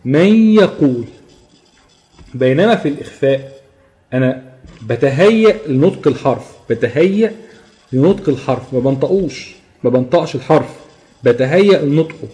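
Fast-talking Egyptian tajweed teacher, man. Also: medium pitch, lively intonation, warm tone. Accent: Egyptian Arabic. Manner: explains step by step, checks in with "okay?" and chants examples slowly. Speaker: Quran recitation teacher. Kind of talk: live online tajweed lesson.

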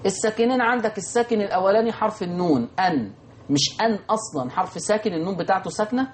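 A man with an Egyptian Arabic accent teaching Quran recitation rules, answering imagined student questions and chanting verses slowly. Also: sits high, slight background noise. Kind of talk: televised recitation lesson.

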